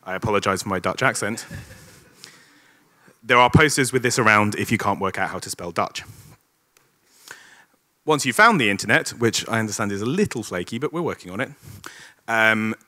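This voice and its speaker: A man welcoming a packed hall to a conference, running through housekeeping in an upbeat voice that sits on the low side. He slips in dry little jokes between the announcements and speaks into a stage microphone. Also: animated, normal speed, pauses often, bright, forceful tone. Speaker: conference organizer giving opening words. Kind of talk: opening remarks at a conference. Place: large conference hall with an audience.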